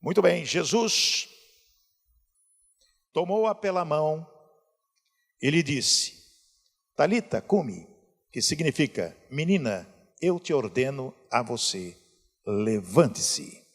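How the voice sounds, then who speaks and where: A man's voice: fairly high pitch, big pitch swings, slow, long pauses, breathy edge. A male pastor preaching a sermon, asking the congregation questions as he goes. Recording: hall reverb.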